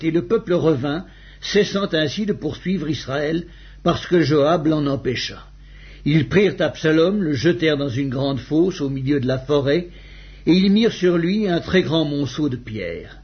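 A man reading scripture aloud with measured, solemn delivery and a husky voice. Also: on the high side. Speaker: scripture reader. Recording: dull lo-fi recording.

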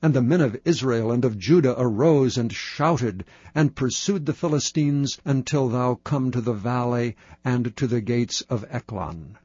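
Male scripture reader: steady, solemn, mid-pitched, dry close mic. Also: husky, dry recording, highs cut off. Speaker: Bible reader.

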